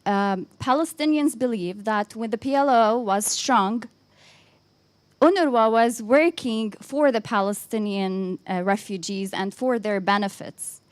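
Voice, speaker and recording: A woman's voice: on the high side, unhurried, dry recording. Earnest woman. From Lebanon. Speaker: audience questioner. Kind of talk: question from the floor. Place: conference hall.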